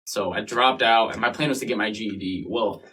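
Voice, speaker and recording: A man in his twenties tells his story in a casual interview, rambling and swearing as he goes. His voice is bright and forceful. He sits a little back from the mic, with a faint hiss behind him. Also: on the low side, fairly quick. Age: 20s. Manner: profane, rambling storytelling, mimics other people. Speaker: interview guest. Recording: distant mic with faint noise.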